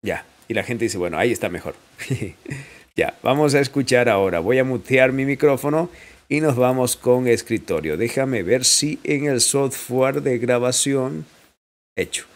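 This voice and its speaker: A man's voice: medium pitch, unhurried. Chatty man teaching audio recording. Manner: chatty, asks listeners questions, laughs often. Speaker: audio editing instructor. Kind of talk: casual screen-recorded tutorial. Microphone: studio microphone at close range.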